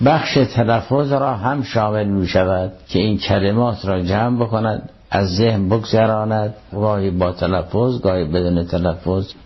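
A man gives a slow, measured religious lecture that explains a scripture passage line by line. His voice sits low. The sound is dull and lo-fi, like an old archive tape. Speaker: Quranic commentator. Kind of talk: scholarly Quran exegesis lecture.

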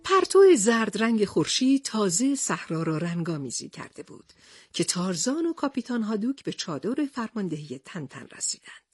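A woman narrating a children's storybook in an expressive read-aloud manner. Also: medium pitch, slightly rough, soft background music.

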